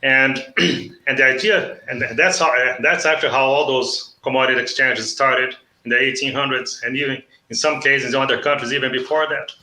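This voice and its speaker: A middle-aged man from Brazil with a Brazilian Portuguese accent, an economics professor explaining things in a measured way and often checking in with "okay?". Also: mid-range voice, fairly even intonation, sharp tone, reverberant, low-quality recording. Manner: measured, frequent "okay?" check-ins and restarts. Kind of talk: explanatory interview talk.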